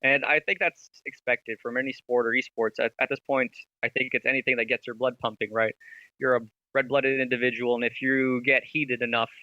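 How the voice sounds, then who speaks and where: A man guesting on a podcast as an esports veteran and company head, telling stories in an animated way and laughing often. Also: mid-range voice, fairly quick, dry recording, dull audio. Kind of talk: casual podcast interview.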